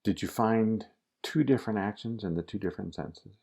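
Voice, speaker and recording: A man's voice: lowish voice, fairly quick, creaky, darkish tone, slightly rough. A man giving a casual acting lesson, coaching the listener directly through a scene. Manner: casual instructive, addresses the student directly. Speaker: acting teacher.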